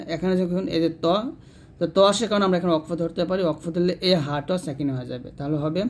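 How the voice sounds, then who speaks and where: A man teaching Quran recitation step by step, spelling out letters and vowel marks before reciting each phrase slowly. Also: fairly high pitch. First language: Bengali. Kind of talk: slow step-by-step recitation lesson.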